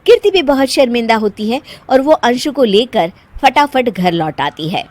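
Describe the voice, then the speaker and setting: A woman narrating a children's bedtime story in a clear, measured way. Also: on the high side, expressive, darkish tone, no room sound.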